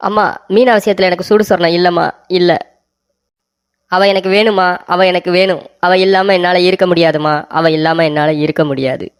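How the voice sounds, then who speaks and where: A woman's voice: on the low side, fairly even intonation, normal speed, smooth, natural voice. A woman voicing a young husband in a comic cartoon, pleading and repeating every line twice.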